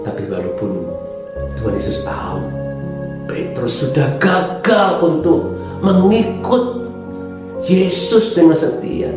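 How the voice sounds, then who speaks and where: A woman with an Indonesian accent tells a Bible story to children, her pitch rising and falling as she quizzes them. Her voice rings out in a very echoey room with music playing underneath. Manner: animated, asks the children questions. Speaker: Sunday school teacher.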